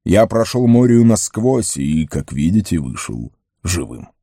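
A man plays a wise old wizard with a very low, dark voice. He speaks gravely and measures his words. The sound is dry and close. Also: big pitch swings, unhurried, no room sound, full character voice.

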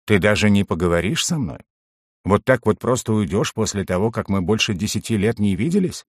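A man's voice: fairly low pitch, lively intonation, a little fast, dry recording. Cast: a man as an eager old pal from the streets, voice swinging up and down, dry sound. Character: nervous male street kid turned friendly adult.

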